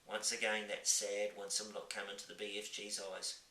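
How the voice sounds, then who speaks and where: A man narrating a children's book at a measured, expressive pace. His voice is fairly low but very bright and sharp. The sound is roomy and distant, with the mic set back from him. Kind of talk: storybook reading.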